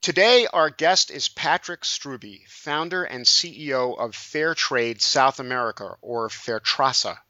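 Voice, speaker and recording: A man's voice: mid-range voice, expressive, a little slow, few pauses, sharp tone, no room sound, dull audio. A man hosting a podcast interview, reading the guest's introduction and then asking questions. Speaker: podcast host.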